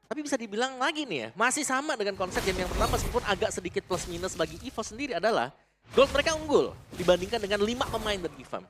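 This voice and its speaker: Fast-talking male esports caster. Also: sits high, animated, background noise. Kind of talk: analytical esports commentary.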